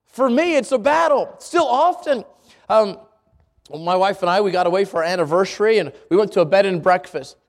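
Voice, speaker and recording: A man's voice: high-pitched, animated, brisk. A middle-aged man, preaching a sermon in a candid, conversational way full of personal stories. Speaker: pastor.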